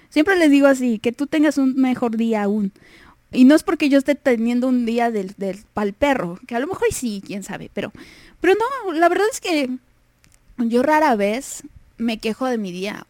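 A woman's voice: on the high side, darkish tone, no echo. A young woman with a Mexican Spanish accent hosting a casual radio show, chatty and self-deprecating, laughing often.

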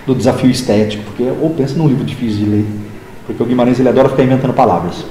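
A literature teacher in his fifties from interior São Paulo state, Brazil, races through stories in a relaxed interview at a mid-range pitch, lively and acting out dialogue in assorted voices. There's slight background noise, and the room is roomy and echoing.

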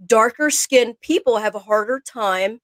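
A podcast co-host in a casual chat speaks in a fairly high, fairly bright voice at a measured pace, with no room sound. She rambles, hunts for words, and uses lots of fillers.

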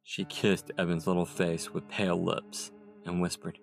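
Male audiobook narrator, low gravelly voice, music bed. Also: little pitch movement, a little slow. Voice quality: gravelly, very deep. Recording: narration over soft music.

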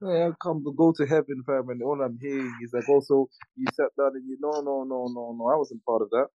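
A young man with a London roadman accent, talking in a slangy, animated way as a podcast co-host in casual banter and storytelling. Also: mid-range voice, a little fast, muffled recording, slight background noise. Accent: London, urban roadman slang.

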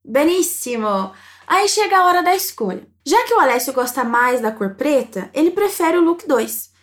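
A woman teaching Italian phrases, encouraging the listener and saying model sentences slowly to be repeated. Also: sits high, lively intonation. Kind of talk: language lesson narration.

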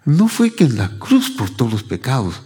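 A man's voice: medium pitch, wildly swooping pitch, normal speed, mellow. A man preaching a teaching sermon, repeating key phrases and asking rhetorical questions. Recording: long hall reverb.

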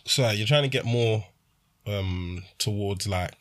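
Lowish-voiced man, opinionated. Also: measured pace. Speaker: podcast panelist. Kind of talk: casual chat.

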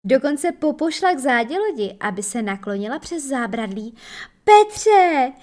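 A woman reading a children's story aloud in a lively, expressive way. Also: on the high side.

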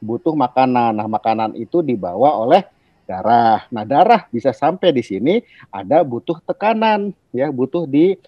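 A man's voice: medium pitch, animated, normal speed, dry recording. Middle-aged male specialist, explainer tone, homely examples, hesitant restarts; dry, muffled recording. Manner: explanatory, uses everyday analogies and sound words. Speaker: guest doctor, internal medicine specialist. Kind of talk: explaining to podcast hosts.

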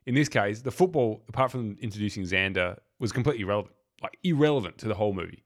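A man co-hosting a laid-back film podcast. His voice sits a little low, and he talks in a hesitant way with lots of fillers. He sounds easygoing as he recounts scenes. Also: very fast. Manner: relaxed, hesitant, many fillers. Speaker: podcast co-host. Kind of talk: casual film discussion.

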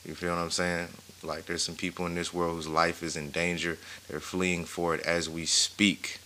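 A man's voice: deep voice, little pitch movement, normal speed, bright, forceful tone, slight background noise. A man co-hosting a podcast, backing up his partner and then speaking at length in an encouraging, preachy way. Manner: supportive, affirming, preachy at length. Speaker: podcast co-host. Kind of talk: casual chat.

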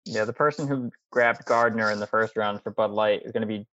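A man co-hosting a casual fantasy football podcast, joking in a dry, low-key way. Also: fairly even intonation, fairly quick, a bit bright. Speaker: podcast co-host. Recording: dull dry mic.

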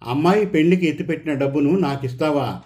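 A man voicing a shaken older headmaster near retirement who speaks softly in a read story. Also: fairly high pitch, fast talker, lightly acted. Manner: soft, shaken.

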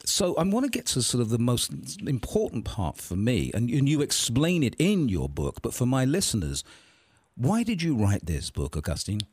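A man hosting a radio interview show, slightly hoarse, praising his guest effusively. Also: medium pitch, wildly swooping pitch, moderate pace, a little mellow.

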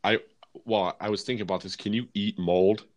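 A man's voice: on the low side, steady tone, brisk. A man hosting a casual podcast with friends, laid-back and laughing often, with lots of ums. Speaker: podcast host.

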